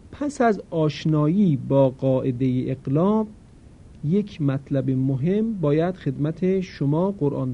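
Man teaching Quran recitation, slow chanting. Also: a little high. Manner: explains rules plainly, then demonstrates with slow drawn-out recitation. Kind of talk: recorded tajweed lesson. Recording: dull lo-fi recording.

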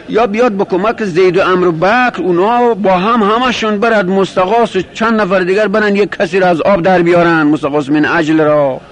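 Man, grammar teacher, classroom lecture, fairly high voice, asks and answers his own questions. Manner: repeats and rephrases terms, slows on quoted Arabic.

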